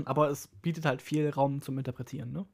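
Podcast dude wrapping up, lots of ähms, easygoing. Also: male voice, a little high, normal speed, creaky, a little mellow, slightly rough. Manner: hesitant, lots of fillers, laughing. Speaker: podcast co-host. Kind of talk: casual chat.

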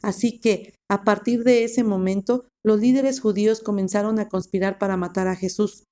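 A woman giving a steady, measured reading of a Bible passage. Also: mid-range voice, dull audio. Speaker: scripture reader.

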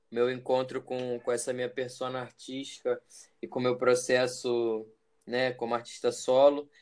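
Young man telling his story, relaxed. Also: mid-range voice, clear, resonant tone. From Brazil. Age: 20s. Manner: relaxed, reflective, rambling with fillers. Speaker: musician guest. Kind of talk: casual interview.

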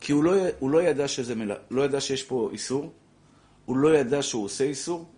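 A man teaching a lively religious law lesson to a class, repeating his points and acting out little scenes. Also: mid-range voice. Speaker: Torah teacher.

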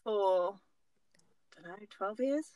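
A young Dutch woman in her twenties from the Netherlands chats casually as a podcast guest, speaking with an English accent and laughing easily. Her voice is medium-pitched, warm, and slow-paced, captured in a dry recording.

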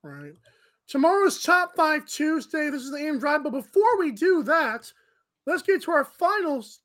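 A woman's voice: high voice, fairly bright tone. A woman co-hosting a sports talk show, blunt and frank, who also reads the sponsor spots.

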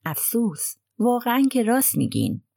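Poirot, as a woman reads him: soft, polite detective. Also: on the high side, very animated, gravelly, dry recording, studio quality, pitched above the performer's own voice, full character voice. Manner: gentle, sympathetic and polite. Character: courteous, probing male detective.

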